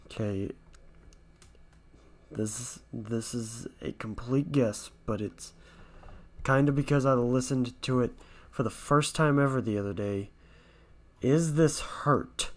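A man playing along with a fan quiz video, thinking out loud and poking fun at himself. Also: medium pitch, slow pace, long pauses. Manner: self-mocking, thinks out loud. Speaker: YouTuber reacting to a quiz. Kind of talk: casual quiz reaction commentary.

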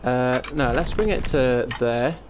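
A man's voice: medium pitch, unhurried. A man giving casual gameplay commentary, rambling and thinking aloud, often interrupting himself. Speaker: let's play host. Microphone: compressed desktop microphone, voice-over. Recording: faint room noise, keyboard typing, compressed mic. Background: keyboard typing and background noise.

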